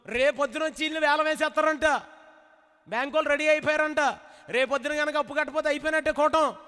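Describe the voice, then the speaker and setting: A man's voice: extremely high pitch, steady tone, bright, forceful tone, in a large hall, voice pushed up. A man preaching voices an anxious neighbor who frets over a bank loan and a house auction. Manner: agitated, rapid.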